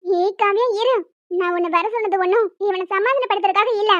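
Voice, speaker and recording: A woman voicing a bossy pregnant young cartoon woman, her voice pitched very high and almost childlike as she firmly talks others round. The sound is dull and lo-fi, dry and close. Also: fairly quick, no room sound. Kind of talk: cartoon dialogue.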